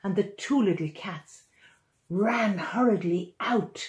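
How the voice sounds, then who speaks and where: A children's author in her sixties reads one of her picture books aloud for kids, at medium pitch. Recorded in a small room at home, her delivery is lively and expressive, with deliberate storytelling.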